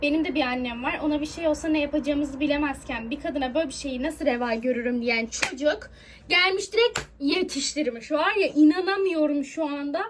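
A young woman chatting casually in a book vlog, animated and exclaiming, often laughing. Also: high voice, slight background noise. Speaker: book vlogger.

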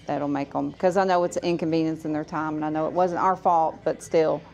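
A woman's voice: low voice, fairly even intonation, a little fast, darkish tone, lo-fi sound, soft background music. A woman who owns a laundromat, talking casually and explaining things step by step on a vlog, speaking from inside one of her laundromats. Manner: chatty, explains step by step to the camera. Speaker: laundromat owner.

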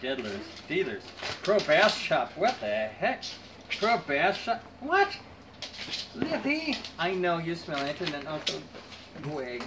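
A woman's voice: on the low side, huge pitch swings, slow. A middle-aged woman chatting casually as she unboxes a gift package, reading labels aloud and musing. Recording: home recording with clear background noise.

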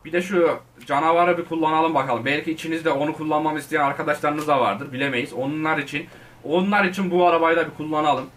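A man giving casual, excitable commentary on his gameplay, talking straight to his viewers and shouting at the game. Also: fairly high pitch, quick pace, far from the mic. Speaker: gaming video host.

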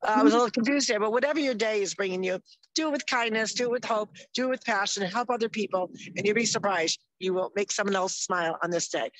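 A woman co-host with a medium-pitched voice talks fast in a chatty, upbeat way, losing her train of thought during casual chat. She's outdoors in the mountains, and the recording is rough but dry and close, with no echo.

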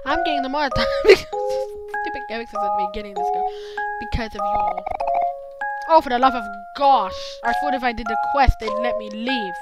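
A woman's voice: a little high, brisk, few pauses. A young woman hosting a casual let's play, chatty and goofy, often cutting herself off with sarcastic asides. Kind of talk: casual gameplay commentary. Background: loud game music.

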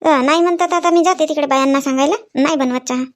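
A woman's voice: high-pitched, quick pace. A woman playing a village wife in a comic sketch, teasing and scolding her husband.

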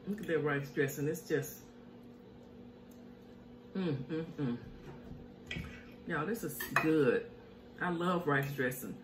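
A middle-aged mukbang host speaks in a low voice, slowly and with long pauses, making casual conversation as she eats and hums on her home cooking show. Recorded indoors in her home kitchen, the sound is echoey with a faint hiss.

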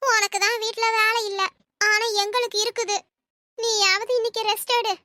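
A woman voicing an older neighbor woman in an animated cartoon, brisk and matter-of-fact. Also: very high-pitched, dry recording, clean studio sound, pitched above the performer's own voice. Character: older village woman, busy gossiping neighbor.

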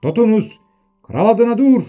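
A man's voice: high voice, very animated, moderate pace, warm tone, soft background music, voice pushed up. A man voicing a royal sergeant who bellows commands at a barred door. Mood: shouting. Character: shouting royal sergeant leading soldiers.

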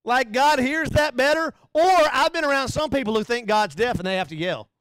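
A man preaching a conversational sermon, animated and joking, sometimes acting out bits in a low hushed voice. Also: a little fast, dry recording. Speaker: pastor.

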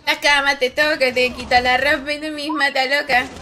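A woman's voice: high-pitched, level tone, normal speed, bright, forceful tone. A woman streaming a game, chatting and joking with viewers and reacting to the play. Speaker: gaming streamer. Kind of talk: casual livestream chat while gaming.

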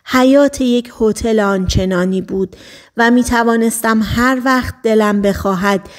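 A woman narrating a novel as an audiobook, in measured storytelling that slows on key phrases. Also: fairly high pitch. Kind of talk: scripted narration.

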